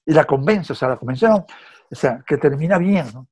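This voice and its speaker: A man's voice: a little high, animated, moderate pace, darkish tone, husky. A man with a Venezuelan accent in casual film chat, hesitant and repeating words as he tells stories.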